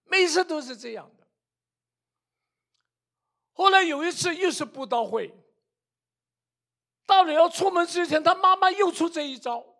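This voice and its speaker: An older man with a high voice preaches a sermon. He drives his points home with repeated rhetorical questions. His delivery swings between quiet asides and loud, fervent bursts. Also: a little slow, long pauses. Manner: emphatic, repetitive rhetorical questions.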